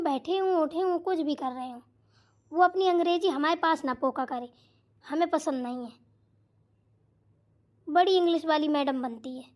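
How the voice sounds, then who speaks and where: A rude, lazy sister-in-law snaps and complains in a very high, piercing voice, voiced by a woman. She mocks and grumbles about the household's daughter-in-law. This is a cartoon family quarrel. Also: a little mellow. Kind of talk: cartoon voice acting.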